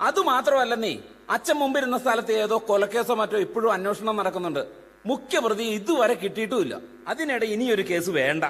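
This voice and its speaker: A man acting a hot-tempered young man ready to fight in an amateur stage play, with a threatening, shouting manner. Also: sits high, animated, brisk. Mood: grumbling. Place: school stage before an audience. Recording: echoey hall stage recording.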